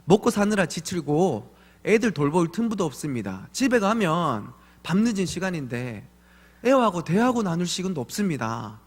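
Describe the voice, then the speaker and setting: A male pastor in his thirties giving an evening church sermon, telling animated stories and acting out voices of his children. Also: sits high, normal speed. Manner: animated storytelling with acted voices of his kids. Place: church sanctuary. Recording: long church hall reverb.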